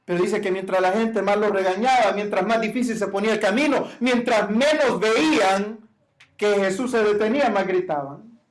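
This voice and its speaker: High-voiced man preaching a sermon. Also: normal speed. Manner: preaching with rising shouted emphasis on quoted cries. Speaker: pastor.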